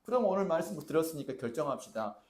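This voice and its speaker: A male pastor preaching a sermon to his congregation, quizzing them and shouting out the lines he stresses. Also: on the high side, sing-song, fast. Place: church sanctuary.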